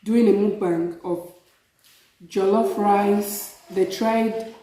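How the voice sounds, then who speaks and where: A woman's voice: medium pitch, fairly even intonation, extremely slow, warm tone, far from the mic. A woman chats casually to viewers while eating soup in a mukbang. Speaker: mukbang host. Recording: echoey room, some noise and clicks.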